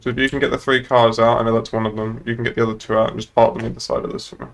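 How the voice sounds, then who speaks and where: Rattling off words rapid-fire, the young British man keeps his creaky, medium-pitched voice almost flat in pitch. He is a streamer in character as an online game's moderator, casual and foul-mouthed.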